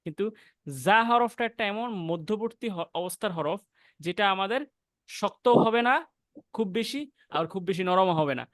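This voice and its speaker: A young man from Bangladesh with a Bangladeshi Bengali accent, teaching a recitation class, patiently explaining the rules and sounding out letters softly. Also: high voice, no echo, studio quality. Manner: explains patiently, then recites verses slowly and drawn out; demonstrates soft breathy letter sounds. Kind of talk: online class lesson with slow recitation.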